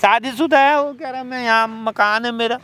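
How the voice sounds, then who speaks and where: A man's voice: very high voice, steady tone, normal speed, a bit bright, smooth. An older man from Punjab, talking outdoors in the cold in a plaintive, tearful way and pleading for help. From Punjab, India. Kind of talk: casual conversation.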